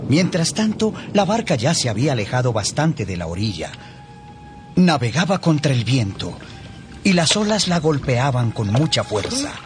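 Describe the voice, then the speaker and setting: A man narrating a Bible audiobook in a measured, expressive storytelling manner. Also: medium pitch. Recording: narration over background music.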